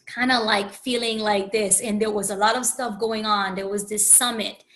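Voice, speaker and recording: Her voice is mid-range and fairly bright, with fairly even intonation at a normal speed. She is a Haitian coach and podcast host giving a candid, rambling solo reflection, restarting frequently and peppering it with "you know."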